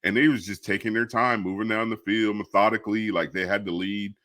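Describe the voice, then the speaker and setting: Blunt, low-voiced man breaking down a game. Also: fairly even intonation, brisk, pushed and bright, dry recording, studio quality. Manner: opinionated, blunt analysis. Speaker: co-host. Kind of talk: casual sports talk.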